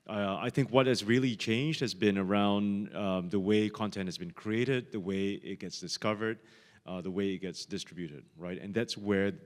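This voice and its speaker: A man answering as a panelist who speaks in a lively, emphatic way, with bursts of speed. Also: low-pitched. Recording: reverberant conference hall.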